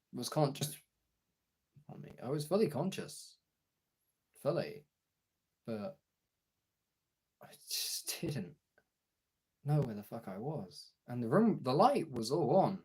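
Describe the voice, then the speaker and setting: Speaking like a streamer to his viewers, this very low-voiced man is casual and personal, his delivery halting and candid with frequent swearing. His voice is gravelly, husky and full of fry, with a darkish tone.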